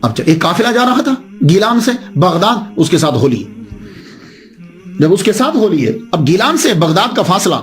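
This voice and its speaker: A male preacher tells a religious story in a high voice. He delivers it dramatically, with swooping, animated pitch. Faint music runs underneath. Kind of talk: storytelling sermon.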